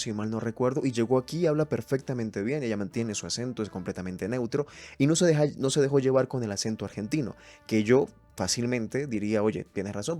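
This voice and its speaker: Reading from a list and reflecting on each point, this solo podcast host from Mérida, Venezuela, speaks in a mid-range voice with a darkish tone.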